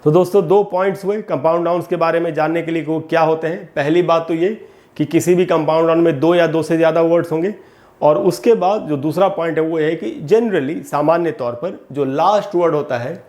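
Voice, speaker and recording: A man's voice: fairly high pitch, normal speed, a little mellow. A man teaching English grammar to viewers in Hindi, explaining patiently and repeating each term, and he addresses the audience as friends again and again.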